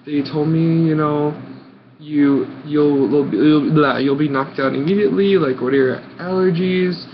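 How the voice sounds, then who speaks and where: A young American man of about nineteen telling a personal story casually, in short halting phrases with dramatic emphasis. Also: a little high. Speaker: vlogger. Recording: muffled audio with clear background noise.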